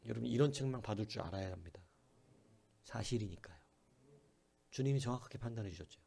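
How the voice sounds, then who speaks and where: A male pastor giving a conversational sermon, asking the congregation questions and acting out quoted voices from whispers to loud bursts. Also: fairly low pitch, quick pace, vocal fry, breathy edge.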